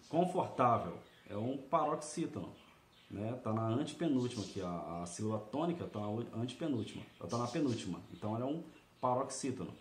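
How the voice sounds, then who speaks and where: A male exam-prep tutor talks through practice questions in a relaxed, conversational way, often checking in with tag questions. His voice sits at a middle pitch, and the recording carries the noticeable echo of a bare room. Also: slight background noise. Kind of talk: casual video lesson walking through a practice test. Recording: echoey room.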